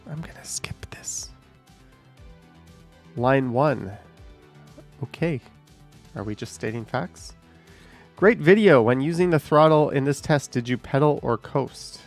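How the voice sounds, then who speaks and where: A man in his thirties works through viewer comments on a live stream, reading them aloud and tossing off dry asides. His voice has a gravelly, fry-edged texture at a middling pitch. Faint music plays underneath. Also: expressive, slow pace, long pauses. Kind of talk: casual live-stream chat.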